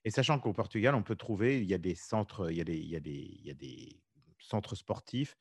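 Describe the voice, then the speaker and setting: Low-voiced man hosting a casual lesson. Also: brisk, breathy edge, no echo, studio quality. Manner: chatty, joking interjections. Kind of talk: casual co-hosted lesson chat.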